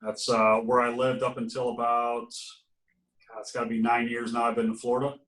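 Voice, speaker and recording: A man from Ohio, guesting on a podcast, tells his story in a loose, casual interview chat, laughing now and then. His mid-range voice is monotone, fairly bright, and a little fast. He's far off mic, so the sound is roomy.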